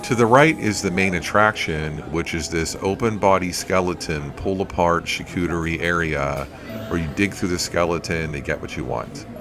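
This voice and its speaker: A man's voice: deep voice, normal speed. A man narrating a food review vlog as a voice-over in a plain-spoken, itemizing way. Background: music.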